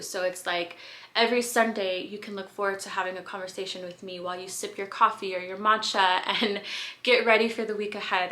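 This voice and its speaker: A young woman talks candidly to camera in a casual vlog, her voice bright and clear at a middle pitch. She chats freely, with lots of "like"s, and sounds a little out of breath. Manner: chatty, candid, filler-heavy with frequent "like". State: slightly out of breath. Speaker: vlogger and podcast host. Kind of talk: casual confessional chat to camera.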